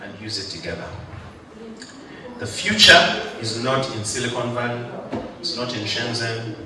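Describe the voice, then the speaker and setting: A guest speaker gives a rousing, joking graduation speech in a large ceremony hall, drawing crowd responses. His medium-pitched voice is animated at a moderate pace, recorded from afar in an echoey, noisy hall.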